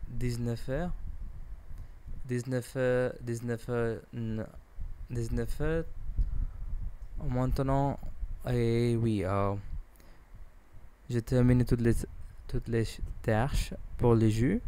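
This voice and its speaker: A man in a casual practice vlog, talking haltingly as a language learner, often correcting himself and apologizing. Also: medium pitch, dark tone, slight background noise. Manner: hesitant, halting, self-correcting; apologetic, self-deprecating.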